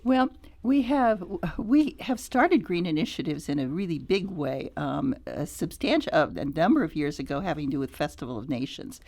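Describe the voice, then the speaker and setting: A woman being interviewed on the radio as head of a nonprofit, speaking thoughtfully and haltingly with many restarts. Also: low voice, a little mellow. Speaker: nonprofit CEO, guest.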